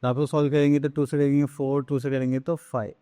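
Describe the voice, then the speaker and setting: A man teaching a math lesson on fractions, asking questions and answering them himself, slipping into English terms and reading numbers out slowly. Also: mid-range voice, flat delivery, dark tone, clean tone, dry recording, studio quality. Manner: drawn-out slow reading of numbers.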